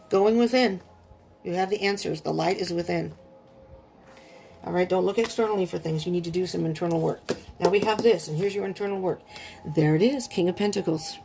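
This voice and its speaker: A woman's voice: mid-range voice, darkish tone. A woman giving a casual tarot reading at home, chatty and often checking in with her listeners. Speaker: tarot reader.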